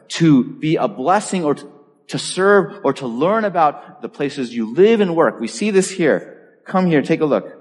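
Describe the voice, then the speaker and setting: In a church with a big-room sound, a Boston-area American pastor tells a personal story during his sermon and repeats key points for emphasis. His voice is a little high.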